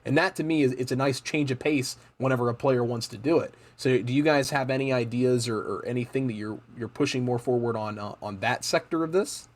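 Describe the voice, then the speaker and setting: A man's voice: medium pitch, brisk, hardly any pauses. Rambling male streamer host. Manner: rambling, repeats words while framing questions. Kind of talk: casual interview chat.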